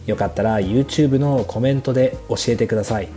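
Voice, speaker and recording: A man hosting a beginners' Japanese lesson podcast, speaking slowly and simply with small fillers. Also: medium pitch, warm tone, soft background music. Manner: slow, clear teacher's delivery with fillers. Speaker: podcast host teaching Japanese.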